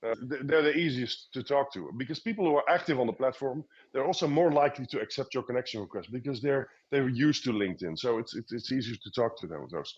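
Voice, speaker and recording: A man's voice: mid-range voice, fast, few pauses, breathy edge, dull audio. A man answering questions as a guest expert in a live online session, often repeating words as he explains.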